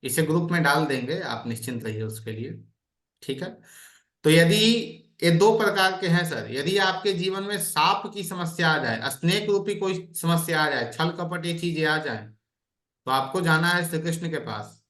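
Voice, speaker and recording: A man's voice: a little high, moderate pace, fairly bright tone, roomy sound. A man teaching an online astrology class, explaining by asking his students questions.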